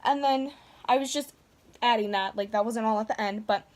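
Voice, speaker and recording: A woman's voice: on the high side, normal speed. A woman vlogger telling a story to camera in a gushing, casual way, filling her talk with "like". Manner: gushing, heavy use of "like".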